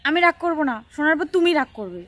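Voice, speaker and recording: A woman's voice: high-pitched, big pitch swings, rapid-fire. A woman playing a coy, sulky young wife in a comic couple skit. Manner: coy and sulky, teasing back. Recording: music playing loudly behind.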